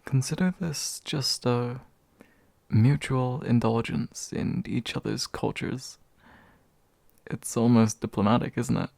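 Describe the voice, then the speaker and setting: An ASMR voice actor plays a courteous demon in a soft, comforting roleplay, speaking slowly in a mid-range, dark, mellow voice with gravelly fry on a dry recording. He sounds gentle, hesitant and formally polite, in a musing, genial mood.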